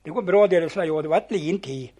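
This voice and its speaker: A husky, fairly high-voiced older man tells old anecdotes as a storyteller, spinning yarns with animation and acting out the dialogue. He often repeats and restarts words along the way.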